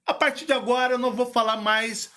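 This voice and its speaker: A man from Minas Gerais with a Minas Gerais accent, hosting a casual chat in an animated, playful, rambling way. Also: extremely high pitch, quick pace. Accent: Minas Gerais Portuguese. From Minas Gerais, Brazil. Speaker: channel host.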